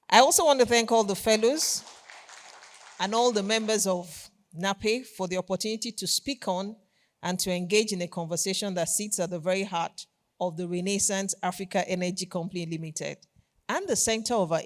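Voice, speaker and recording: A company executive with a Nigerian accent giving a formal conference keynote with polished corporate enthusiasm, repeating key phrases for emphasis. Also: mid-range voice.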